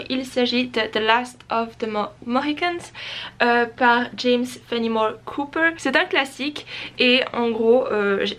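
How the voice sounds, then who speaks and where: A woman's voice: fairly high pitch, fairly bright tone. A young woman talking casually to camera as a book vlogger, chatty and full of little hesitations and self-corrections. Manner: chatty, with frequent "euh" fillers and self-corrections.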